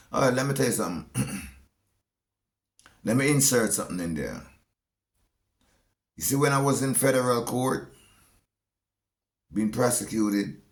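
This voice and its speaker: A man with a Jamaican accent delivering a slow, preachy monologue. He stresses his points and often repeats phrases. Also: medium pitch, echoey room. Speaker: speaker giving a monologue.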